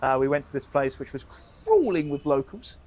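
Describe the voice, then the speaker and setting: A man's voice: a little high, huge pitch swings, a little fast, darkish tone. A man co-hosting a podcast, telling travel stories in an upbeat, rambling way. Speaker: podcast co-host. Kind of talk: casual travel storytelling.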